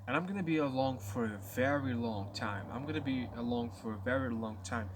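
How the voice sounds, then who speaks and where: Young man, nineteen, casual vlogger; rambling, halting, mid-pitched voice. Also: background noise. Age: late teens. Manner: rambling, with many restarts and stammers. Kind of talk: casual talk to camera.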